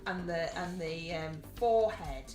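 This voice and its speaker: A woman's voice: on the low side, a little slow. Teasing woman, off-mic in a roomy space. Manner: teasing, chatty. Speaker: live-stream co-host. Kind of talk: casual chat. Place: home streaming room. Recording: roomy, distant from the mic, music behind.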